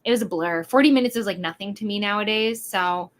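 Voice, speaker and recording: A woman's voice: mid-range voice, fast. A woman from Wisconsin hosting a casual livestream, chatty and bubbly, over-caffeinated and hyper, rambling with lots of fillers. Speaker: livestream host.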